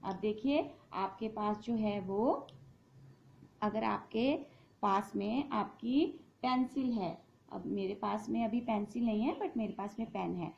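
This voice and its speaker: A woman's voice: mid-range voice, slow, vocal fry, a little mellow, highs cut off. A woman teacher giving a patient lesson to young children, spelling words out sound by sound.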